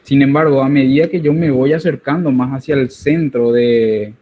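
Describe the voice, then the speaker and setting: A man's voice: medium pitch, normal speed, mellow, muffled recording. A man giving an online engineering tutorial, explaining while he draws and often checking with tag questions.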